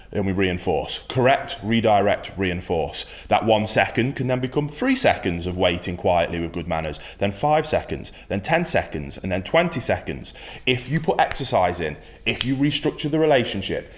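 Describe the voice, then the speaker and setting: A man teaching as a dog trainer, giving an instructional talk in a firm, emphatic way and repeating his key points. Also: on the low side.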